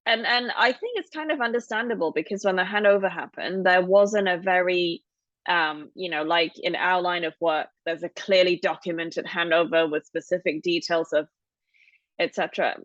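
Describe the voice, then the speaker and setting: Lo-fi audio with no echo carries a lowish, fairly bright female voice. She's a Hong Kong woman in her thirties, co-hosting a casual podcast and recounting her family's story in a considered, explanatory manner.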